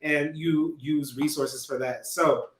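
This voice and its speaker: A man's voice: on the high side, fairly even intonation, takes it slowly. Easygoing laughing man hosting a show. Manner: laughing, easygoing, loose and informal. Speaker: show host. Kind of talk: casual livestream chat. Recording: echoey room.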